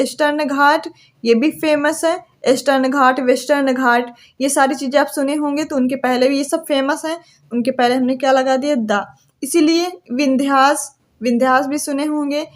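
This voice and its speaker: A young woman lectures on grammar with a Hindi accent. Her voice sits high. She keeps posing questions to her students and answers each one herself, in a steady teaching rhythm. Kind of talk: classroom lecture.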